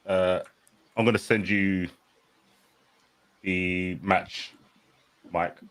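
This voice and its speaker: A man's voice: low voice, steady tone, drawn-out words, a bit bright. A man chatting casually as a debater in an online gaming discussion. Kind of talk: casual chat.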